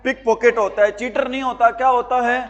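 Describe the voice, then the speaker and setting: A male teacher with a very high-pitched voice runs a grammar lesson, firing the same questions again and again at his class. His voice rings with a long reverb, as if it was caught in a large hall. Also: steady tone, brisk. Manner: quizzing students with repeated questions.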